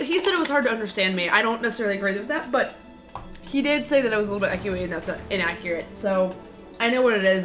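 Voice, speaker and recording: A woman streamer chatting casually and rambling as she plays a game, from a small home office that is a little echoey. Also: mid-range voice. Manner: chatty, rambling, thinks aloud. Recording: streamed voice over loud game music.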